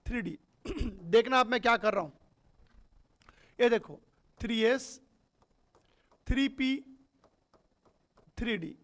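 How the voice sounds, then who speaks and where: A man's voice: very high-pitched, fairly bright tone. A man teaching a chemistry class. He asks his students questions and answers them himself, calling them "beta". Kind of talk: classroom lecture.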